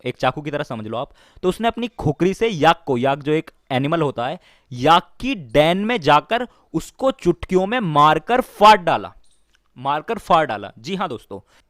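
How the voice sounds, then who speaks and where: Brief: male exam-prep teacher, slightly raised pitch, dry close mic, repeats mnemonic stories. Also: no room sound. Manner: explains slowly with stories and repeats key lines. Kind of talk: mnemonic lesson for exam students.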